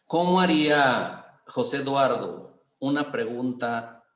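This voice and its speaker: A man teaching English in Spanish with a Mexican accent, explaining slowly and patiently and repeating example sentences. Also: mid-range voice, animated, fairly bright tone, reverberant. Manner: slow, patient, repeats phrases and stresses intonation. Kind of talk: online class explanation.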